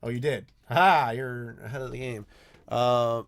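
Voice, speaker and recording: An American man from the United States hosts a live Q&A stream on YouTube, casually answering the chat with lots of ums and restarts. His medium-pitched voice is steady in tone and a little slow. His desk mic picks up a clacking mechanical keyboard.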